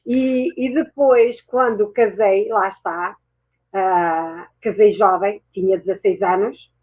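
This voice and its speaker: Speaking slowly in a steady mid-range voice, a French-raised guest mentor reflects on her own life in conversation. She keeps revising what she says mid-thought, and the recording has a tinny, telephone quality.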